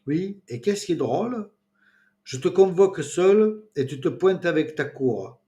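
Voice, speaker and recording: Brief: man playing a loud, commanding town mayor, storybook reading. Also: high-pitched, expressive, a little slow, voice pushed up. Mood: bossy. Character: small-town male mayor, bossy and teasing.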